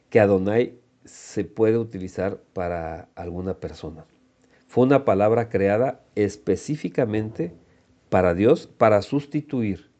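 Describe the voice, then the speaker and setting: A man's voice: on the low side, warm tone. A man with a Mexican Spanish accent preaching a sermon, teaching unhurriedly, reading scripture and asking his listeners rhetorical questions. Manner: unhurried teaching, addresses listeners as little brothers; reads scripture aloud and asks rhetorical questions. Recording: dull lo-fi recording.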